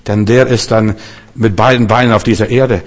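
A man's voice: lowish voice, steady tone, normal speed. A man preaching a sermon in German, speaking straight to the listener and acting out the voices he quotes. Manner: direct, addresses listener as du, acts out quoted voices. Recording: reverberant hall.

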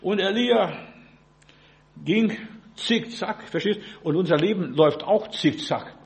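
A man's voice: high-pitched, unhurried, vocal fry. A man preaching a sermon in an informal, direct way. He speaks to listeners as "du", says "ja" often and keeps asking if they understand.

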